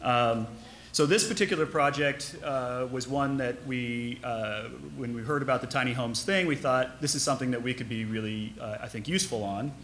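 A man in his forties, an architect co-presenting on a panel, talking casually with many halting fillers. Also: mid-range voice, a bit bright, slight background noise. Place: large conference hall. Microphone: podium microphone.

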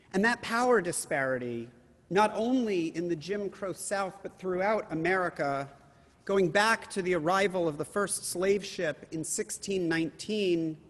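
High-voiced rabbi preaching in a reverberant hall. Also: male voice. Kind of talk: sermon.

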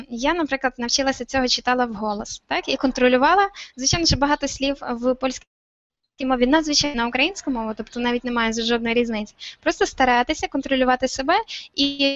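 A woman's voice: high-pitched, no echo. A woman from Ukraine explaining things in casual talk, hesitant, with many fillers and restarts. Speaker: interview guest. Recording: dull, lo-fi, dry sound.

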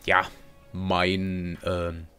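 A man's voice: deep voice, monotone, very slow, sharp tone, clear, resonant tone, soft background music. Rambling young man playing a game. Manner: rambling and slangy, talks to himself while playing. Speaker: gaming video host. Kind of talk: casual let's play commentary.

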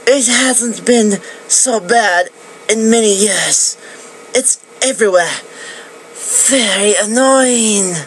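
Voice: medium pitch, slow, fairly bright tone, a little hiss or hum, pitched above the performer's own voice, poor audio. A speaker voicing a charming, theatrical young male waiter with an accent in a class reading.

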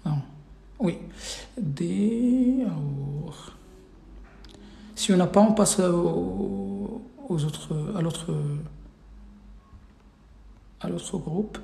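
A man's voice: high-pitched, extremely slow, creaky, long pauses, dark tone, echoey room, a little hiss or hum. A man teaching an Arabic reading class online, running a live quiz and patiently repeating each question several times for his students.

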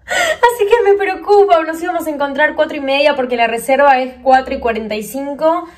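A woman in her twenties with an Argentine accent vlogs into a phone held at arm's length, gushing and chatting casually. Her voice sits high and animated, and she talks a little fast.

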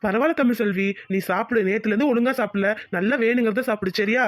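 A woman voicing a kind young village husband in a cartoon, talking in a quick, gentle and reassuring way. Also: a little high, dry recording, clean studio sound, close to an everyday voice. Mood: caring. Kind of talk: cartoon voice acting.

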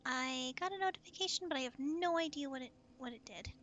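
A woman streaming a video game, chatting casually and playfully with a co-host, with excited gasps. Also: high-pitched, quick pace, dull audio. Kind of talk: casual gaming stream chat.

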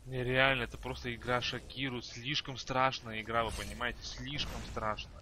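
A man's voice: medium pitch, little pitch movement, normal speed, sharp tone, slight background noise. A man giving casual, comedic gameplay commentary, exclamatory and slangy with mock outrage. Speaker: gamer, let's play host.

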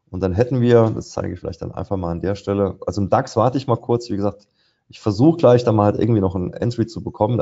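A man with a low, warm voice talks through market charts live as he trades, thinking out loud and using plenty of fillers. He is a trader running a live session over screen share, and the recording sounds muffled.

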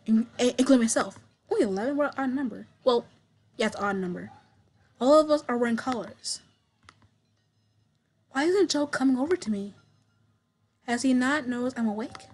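A young woman streaming a game, reading its dialogue aloud and commenting, stammering and repeating words, with sudden excited bursts. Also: high-pitched. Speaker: gameplay streamer. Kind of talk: reading visual novel text aloud with commentary.

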